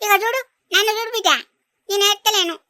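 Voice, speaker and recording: A weepy, doting old village grandmother, put on by a woman, squeaky-high and brassy bright. She coos and fusses endlessly over her grandchild. The sound is dry and close in this cartoon dub. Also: steady tone, quick pace, dry recording. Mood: soothing. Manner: coaxing, clucks endearments over and over. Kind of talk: animated village comedy dub.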